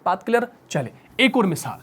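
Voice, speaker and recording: A man teaching a Quran recitation lesson. He repeats key points, asks his class rhetorical questions, and slows to a near whisper on the words that matter. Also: high-pitched, sing-song, fairly bright tone, slightly rough.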